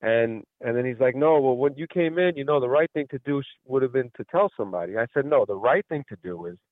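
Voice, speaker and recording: A man's voice: medium pitch, lively intonation, fast talker, no echo. Guy calling into a radio show, rambling story, plays out the back and forth, thin phone-line sound. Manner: rambling storyteller who acts out quoted exchanges. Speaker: caller. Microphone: telephone. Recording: tinny phone line, dry.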